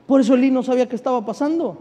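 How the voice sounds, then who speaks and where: High-voiced preacher in a reverberant hall. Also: male voice, very fast, warm tone. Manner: asks the congregation questions and answers them; calls for congregational response. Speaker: pastor. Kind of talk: sermon reading and explaining scripture. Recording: long reverb with faint music behind.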